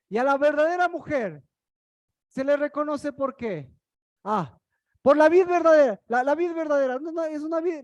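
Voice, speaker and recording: A woman's voice: high voice, a little mellow, no echo, clean studio sound. A woman preaching a sermon, firing rhetorical questions at the congregation.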